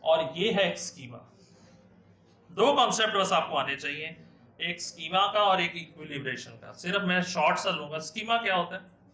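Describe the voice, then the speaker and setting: Bright-voiced professor. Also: male voice, high-pitched, lively intonation, moderate pace. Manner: explains with everyday examples and rhetorical questions, mixing in English terms. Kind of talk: classroom lecture. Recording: echoey room.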